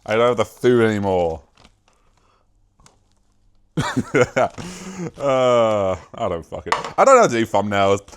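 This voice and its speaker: A young British man chats to his camera in a loose, rambling vlog. He is self-mocking and swears casually, and his voice sits slightly low. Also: very animated, fairly quick, few pauses, a little hiss or hum. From Britain. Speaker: YouTuber.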